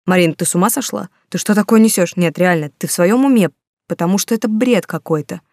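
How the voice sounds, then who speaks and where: A woman voicing a hot-tempered young man who argues loudly in blunt slangy speech, jilted by his lover. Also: on the low side, brisk, no echo, clean studio sound, close to an everyday voice. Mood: incredulous, angry.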